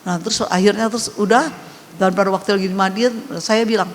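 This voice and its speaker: A woman's voice: mid-range voice, fairly even intonation, fairly quick, a little hiss or hum. An older woman pastor giving a sermon testimony, telling her story in a conversational, emphatic way with many repetitions. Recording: long hall reverb.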